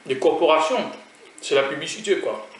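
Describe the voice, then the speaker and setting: On his food vlog, a French man with a French accent tastes food and chats casually, rambling and talking straight to viewers. His fairly high voice is animated and moderately paced, and the distant mic gives a roomy sound.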